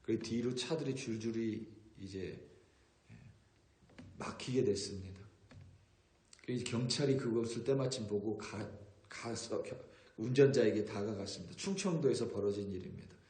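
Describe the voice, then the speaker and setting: A man preaching an early-morning sermon as a pastor, earnest and growing forceful when he reads scripture aloud. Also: fairly low pitch, normal speed, long pauses, reverberant. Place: church sanctuary.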